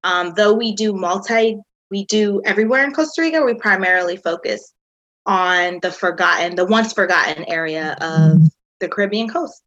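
A woman's voice: medium pitch, normal speed, a bit bright, highs cut off. A woman in her thirties from the United States, a tour company founder telling her story in a chatty interview with many "um"s and "like"s. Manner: chatty, uses lots of "um" and "like".

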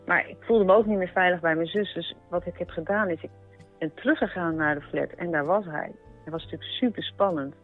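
Woman telling her story over narrow radio sound. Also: on the low side. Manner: reflective, halting storytelling. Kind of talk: personal account. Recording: narrow radio-broadcast sound, faint music.

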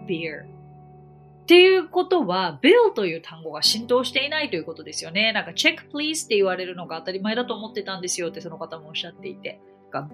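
Woman podcast teacher, very animated pitch, drills words with exaggerated repeats. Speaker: English teacher hosting a podcast. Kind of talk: podcast lesson on English pronunciation.

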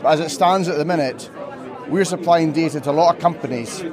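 A man with a Scottish accent, a farmer and branch chairman, speaking in a measured, deliberate way. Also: a little high. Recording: crowd chatter behind.

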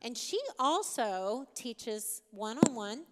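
A woman co-hosting a podcast in casual chat, quick to agree and laugh along. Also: on the high side, expressive, big-room sound, slight background noise. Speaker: podcast co-host.

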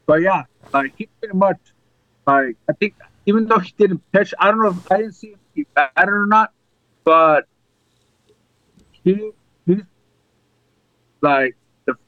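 Halting man in casual sports chat. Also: sits high, expressive, bright, forceful tone, dry recording, muffled recording. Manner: halting, many restarts. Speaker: podcast co-host.

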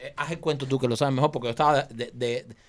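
A man in a casual sports chat, relaxed, muttering low and swearing casually. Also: racing.

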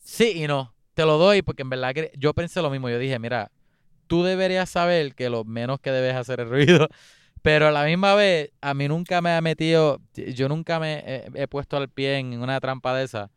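A man chatting casually about a film, relaxed, laughing often and losing track of scenes. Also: on the high side, normal speed, clean tone, no room sound, studio quality. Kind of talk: casual chat reviewing a film.

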